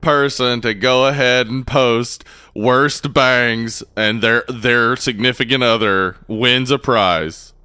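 A man co-hosting a podcast, chatting casually with an animated, enthusiastic manner and frequent laughter. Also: medium pitch, slow pace, few pauses, clean tone, dry recording, clean studio sound. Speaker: podcast co-host.

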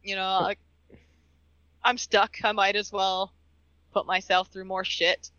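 A woman's voice: mid-range voice, flat delivery, measured pace, sharp tone, smooth, no room sound, highs cut off. A woman co-hosting a casual podcast chat, telling anecdotes and acting out the people in them. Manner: storytelling, acts out quoted dialogue. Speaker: podcast co-host.

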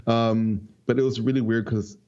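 A young man from North Carolina, a musician guest, chatting casually and rambling with many ums. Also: mid-range voice. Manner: relaxed, rambling, with many ums and quick laughs. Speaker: interview guest, multi-instrument musician. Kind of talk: casual interview chat. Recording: dull lo-fi audio.

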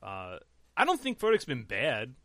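A man's voice: medium pitch, wildly swooping pitch, moderate pace, a bit bright, no echo. A man hosting a casual esports podcast, talking loosely and correcting himself as he goes. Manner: loose, rambling, self-correcting. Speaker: podcast host.

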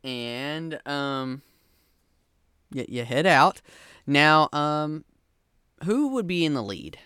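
A relaxed game master narrates a tabletop session in a smooth, clean voice. He rambles loosely, giggles often and swears without thinking about it. The sound is dry and close to the mic. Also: fairly high pitch, extremely slow, dry recording.

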